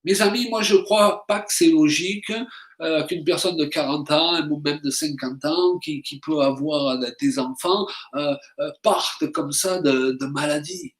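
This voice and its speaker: A high-pitched man preaches at a church service. He speaks slowly and fervently, with plenty of hesitations and exclamations. The room is echoey, with faint music behind him. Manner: fervent, exclamatory, with many fillers. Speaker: pastor. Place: church hall.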